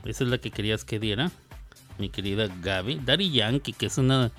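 A man's voice: fairly low pitch, animated, a little fast, faint music behind. A man hosting a radio show, chatting casually and teasingly as he reads listener messages. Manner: chatty, teasing, wanders between loud and soft. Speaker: radio host.

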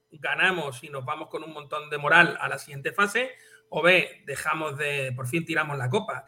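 A sarcastic male guest on a sports talk show, with a very bright, fairly high voice. He lays out his views with dry irony. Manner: wry, sarcastic. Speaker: guest commentator.

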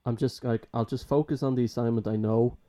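Rambling young man, dark mellow voice. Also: mid-range voice, steady tone, a little fast. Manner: rambling, filler-heavy, trails off quietly. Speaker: college student. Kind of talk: casual chat.

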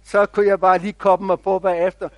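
A man pastor preaching a sermon, telling stories in a measured, reflective way with quiet pauses. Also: high voice, flat delivery, no echo.

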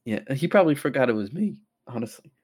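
A man's voice: mid-range voice, expressive, fast talker, a little mellow. Dry-teasing young male co-host. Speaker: podcast co-host. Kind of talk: casual podcast chat.

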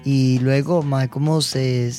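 A man with a Costa Rican accent, a podcast guest telling relaxed, reflective anecdotes with casual swearing. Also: mid-range voice, slow, soft background music. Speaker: guest, actor and musician. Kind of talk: casual chat.

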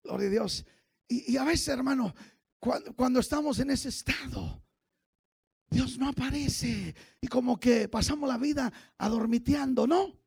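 Fervent gravelly high-voiced pastor. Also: male voice, measured pace. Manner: fervent preaching, swings from quiet asides to shouted exhortation. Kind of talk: bilingual Christmas sermon.

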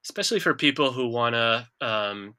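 A man, chatting casually as a musician guest in an interview, relaxed and self-deprecating. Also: medium pitch, normal speed, smooth, no room sound. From Israel.

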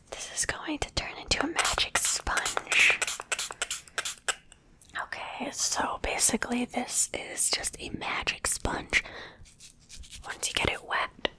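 Woman ASMR whisperer, slow and bright, right on the mic, soft repeated words. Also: on the high side, rough recording. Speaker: ASMR creator. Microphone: close microphone.

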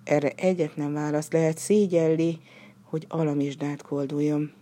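A woman narrating a story in a steady, expressive reading style. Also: sits low.

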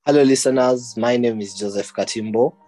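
A man's voice: mid-range voice, fairly quick, warm tone, soft background music. A young man from Uganda, a podcast guest who speaks casually and hesitantly. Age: young adult. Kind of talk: casual interview.

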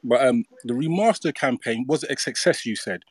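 A man in a casual panel discussion, blunt and animated, a bit out of breath. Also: mid-range voice, brisk, no room sound. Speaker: podcast co-host.

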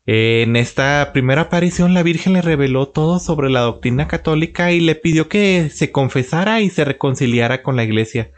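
A man telling a religious story in an unscripted way, pausing often with filler sounds as he goes. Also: fairly high pitch, expressive.

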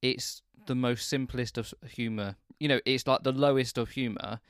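A man's voice: medium pitch, steady tone, normal speed, clear, resonant tone, no echo, studio quality. A man co-hosting a casual film chat, thoughtful and hesitant, often restarting his sentences. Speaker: film podcast co-host.

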